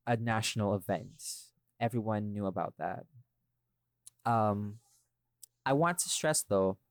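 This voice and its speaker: A man with a lowish voice hosts a laid-back podcast, where he emphatically lays out his creative decisions as an audio drama creator and speaks right to his audience. The sound is clean studio quality with no room sound.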